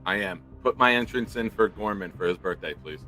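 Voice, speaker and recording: A man's voice: lowish voice, fairly quick, pushed and bright, soft background music. A man in a casual sports podcast chat, laid-back and chuckly, talking through a Bluetooth headset mic that makes him sound muffled, as if underwater. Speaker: guest from another sports show.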